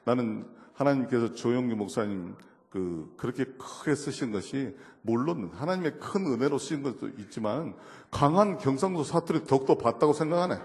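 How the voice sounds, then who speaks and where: A man giving a lively testimony sermon at a church, telling stories with acted quotes and moving from soft murmurs to loud outbursts. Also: mid-range voice, normal speed, long reverb tail. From South Korea. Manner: storytelling with acted quotes, laughing, shifts from murmur to shouting. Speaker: guest speaker at a church service.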